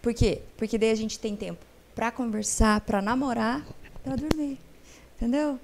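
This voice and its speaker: A Brazilian woman talking on a casual podcast with a fairly high voice. She speaks frankly and with energy, acting out the exchanges she has with the women she counsels. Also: moderate pace, background noise. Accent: Brazilian Portuguese. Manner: frank, lively storyteller who acts out conversations. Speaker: podcast guest, family counselor.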